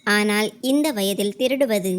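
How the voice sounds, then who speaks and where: A woman voicing a sharp-tongued, scornful young daughter-in-law who mocks and accuses. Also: mid-range voice, a little slow, natural voice. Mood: accusing. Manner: mocking, accusing.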